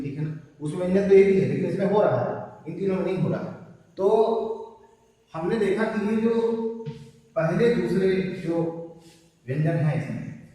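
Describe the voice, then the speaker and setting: A man teaching a class, unhurried and deliberate as he says each sound and talks straight to his students. His voice is on the high side and mellow. He is recorded from a distance in a room with a long, hollow reverb. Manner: slow, deliberate, spells out sounds one by one; addresses students directly. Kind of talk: online class lesson. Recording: echoey room, mic at a distance.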